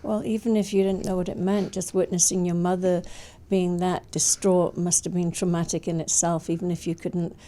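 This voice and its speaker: A woman from North Wales, older, hosting a casual interview podcast, chatty and quick to laugh. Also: fairly low pitch, little pitch movement, mellow. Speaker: podcast host.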